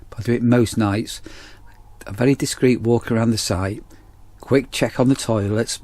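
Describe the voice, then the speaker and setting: Reviewing a torch on an action camera, a man in the role of a campsite warden chats casually outside for a laid-back vlog. He has a lowish, warm voice, and the recording carries no room sound. He rambles in a talkative way and keeps saying "as I say."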